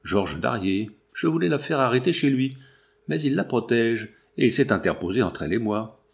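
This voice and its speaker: A man reading the part of a scheming wealthy man who speaks with hushed, tense urgency. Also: medium pitch, lively intonation, normal speed, gravelly. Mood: anxious. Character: scheming wealthy middle-aged man, fearful.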